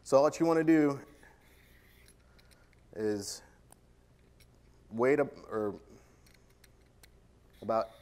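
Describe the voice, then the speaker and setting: A chef speaks extremely slowly with long pauses, his medium-pitched voice expressive and a little mellow. His live cooking demo keynote on a conference stage is full of jokes, chatter, self-mockery and playful audience interaction.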